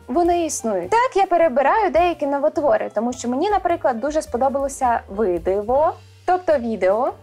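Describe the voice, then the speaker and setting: A woman's voice: on the high side, darkish tone, husky. A young woman with a Western Ukrainian accent, a linguist answering viewer questions in a chatty, self-ironic vlog. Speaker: linguist vlogger. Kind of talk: casual vlog Q&A.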